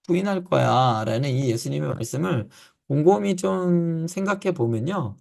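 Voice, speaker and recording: This male pastor, teaching the Bible to church leaders, has a slightly high, somewhat mellow voice with vocal fry. He tends to pose questions and answer them on his own, with many pauses and filler words.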